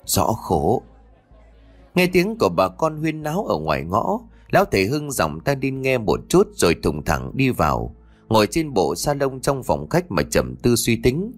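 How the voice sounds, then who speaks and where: Expressive male horror story narrator. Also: medium pitch, normal speed, faint music behind. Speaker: audiobook narrator.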